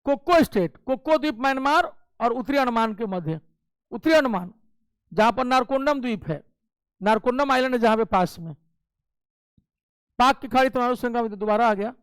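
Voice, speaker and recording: Guy coaching for exams, really high voice, smooth and dry. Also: expressive, brisk, pauses often, no room sound. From Bihar. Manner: explains step by step with frequent "ठीक है" check-ins. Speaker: teacher. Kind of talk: exam coaching lecture.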